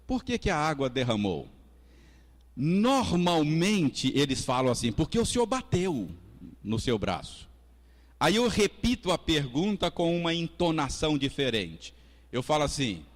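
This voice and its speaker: A man with a Brazilian Portuguese accent, a pastor preaching a Sunday school sermon in a conversational way, chatting with the congregation between points. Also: on the high side. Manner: lively, conversational preaching with audience asides and acted quotes. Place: church hall. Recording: long church reverb.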